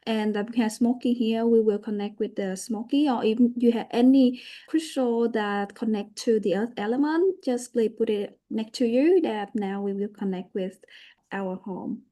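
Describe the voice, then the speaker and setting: A woman host with talks casually and explains in run-on phrases. Her voice is slightly high and mellow. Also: normal speed.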